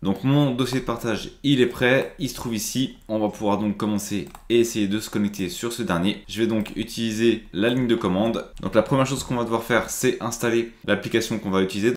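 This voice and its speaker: A man's voice: on the low side, roomy sound. A man presenting a screen-recorded IT tutorial, explaining step by step with frequent hesitations.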